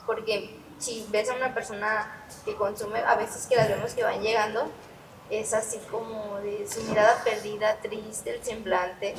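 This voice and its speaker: A woman with a Mexican accent telling her recovery testimony as a podcast guest, animated and laughing at her memories. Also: mid-range voice, measured pace. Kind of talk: personal testimony in a podcast interview. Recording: echoey room, mic at a distance, background noise.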